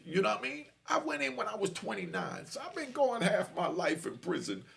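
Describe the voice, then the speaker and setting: This is a direct-to-camera monologue by a prison storyteller in his fifties, warning young listeners in a preaching manner. He talks briskly in a high, sing-song voice that is a bit bright and carries vocal fry.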